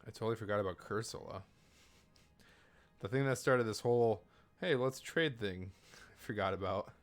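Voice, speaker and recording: Laid-back low-voiced male game streamer. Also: normal speed, soft background music. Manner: rambling, self-correcting, laid-back. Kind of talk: casual live-stream chat while trading in a game.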